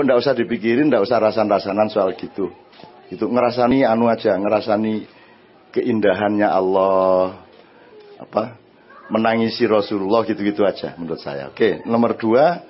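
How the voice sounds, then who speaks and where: A man with an East Javanese accent speaking to an audience. He answers their questions in a lively, conversational way and often asks them "right?". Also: lowish voice, lo-fi sound. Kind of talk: religious and social talk before an audience.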